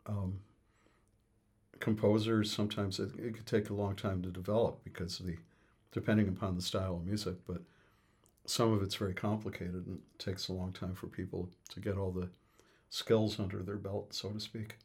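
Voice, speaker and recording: A man's voice: sits low, flat delivery, moderate pace, a little mellow, husky. A man explaining music thoughtfully in conversation, hesitant with many fillers and restarts. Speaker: interviewee on music.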